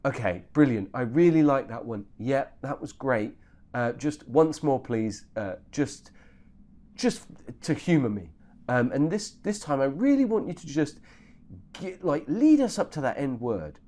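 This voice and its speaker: A man's voice: mid-range voice, sing-song, measured pace, mellow. A man playing an overpolite casting director who gives fussy, hesitant notes.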